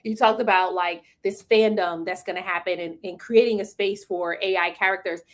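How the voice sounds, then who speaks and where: A woman co-hosting a casual chat who talks quickly and enthusiastically and laughs easily. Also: on the low side, fairly even intonation.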